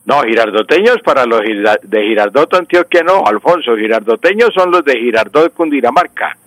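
A man's voice: mid-range voice, animated, a little fast, a bit bright, dry recording, poor audio. Colombian man explaining grammar on radio. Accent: Colombian Spanish. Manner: explanatory, repeats words, frequent fillers. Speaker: language expert on radio news. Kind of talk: call-in language advice.

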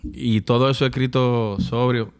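A man's voice: medium pitch, steady tone, measured pace, smooth. A young man with a Dominican Spanish accent, ribbing his friends in crude, teasing podcast banter. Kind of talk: casual chat.

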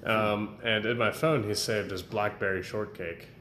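A man's voice: fairly low pitch, steady tone, a little slow, fairly bright tone. A young man chatting casually as a podcast co-host, rambling through stories and laughing often. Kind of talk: casual chat. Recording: echoey room with faint ambient noise.

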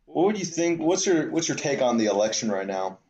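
A man's voice: medium pitch, sing-song, fairly quick, a little mellow, echoey room, lo-fi sound. A man hosting a casual podcast, asking questions in a laid-back, teasing way.

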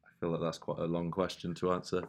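A man co-hosting a casual podcast, talking quickly and laughing easily. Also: low voice, monotone. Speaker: podcast co-host.

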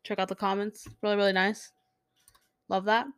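A woman's voice: medium pitch, level tone, normal speed, clean tone, dry recording, clean studio sound. A woman hosting a podcast, reading fan comments in a loose, casual chat, swearing freely and laughing often. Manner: acts out quoted characters in jumped-up voices. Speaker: podcast host.

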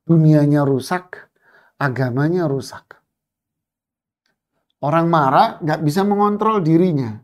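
A man's voice: on the high side, takes it slowly, long pauses. A man giving an Islamic religious lecture, asking rhetorical questions, reciting Arabic phrases and translating them. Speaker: Islamic preacher. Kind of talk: religious lecture on a classical text.

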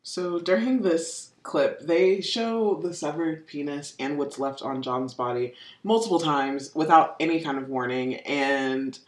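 A woman hosting a casual podcast, retelling a story in a lively way with lots of laughter. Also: low-pitched, a little slow, hardly any pauses. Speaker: podcast host. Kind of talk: casual reaction chat. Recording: echoey room.

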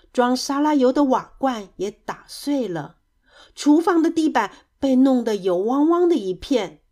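A woman reads a children's story aloud with lively, expressive delivery. Her voice sits fairly high. She tells the tale as a practiced storyteller. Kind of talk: storybook narration.

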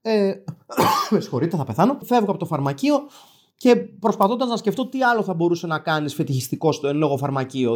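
A man's voice: fairly high pitch, a little mellow. A man telling a humorous personal anecdote in a dry, sarcastic, self-mocking manner, rambling with restarts. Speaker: storyteller.

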